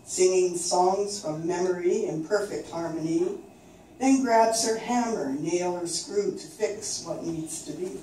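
An older woman from coastal British Columbia, Canada, slowly and deliberately recites her own poetry at an open mic in a small, dim indoor venue. Her voice is fairly low-pitched and warm. A distant camera mic catches her in a very echoey room with faint noise.

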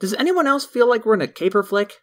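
Man acting a lively, high boyish sidekick. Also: quick pace, dry recording, studio quality. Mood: playful. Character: boyish, eager young male sidekick in a burglary crew. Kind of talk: comic dub voice acting.

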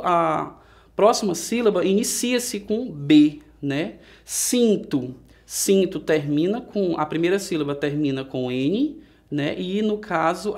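A man with a Brazilian Portuguese accent teaching a recorded adult-education lesson, explaining patiently step by step and sounding out words slowly, syllable by syllable. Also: sits high, creaky. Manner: patient, explains step by step, often checks with "né?" and "certo?".

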